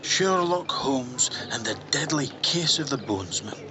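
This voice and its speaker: Man playing fussy Victorian gentleman, Doctor Watson. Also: medium pitch, animated, noisy background, lightly acted. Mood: pleased. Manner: halting, genteel, stuffy. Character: fussy, hesitant Victorian gentleman doctor, sceptical, easily flattered. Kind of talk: radio drama acting.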